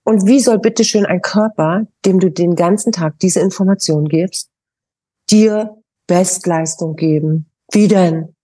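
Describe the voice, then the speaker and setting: A middle-aged woman gives a podcast interview, coaching the listener in an emphatic, coaxing way. Her voice is husky and mellow and sits fairly low. It sounds close and dry. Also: unhurried, dry recording. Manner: emphatic, coaxing advice with direct address. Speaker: naturopath guest.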